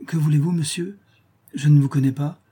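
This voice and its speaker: A man's voice: mid-range voice, moderate pace, warm tone, slightly rough, voice pushed up, lightly acted. A man voicing a frightened, desperate middle-aged mother who speaks in a pleading, anxious way.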